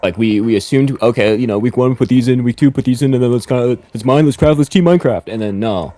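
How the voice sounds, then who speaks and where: A man, an indie game developer, chatting casually and rambling into animated rants about how his team builds games. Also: medium pitch, fast talker.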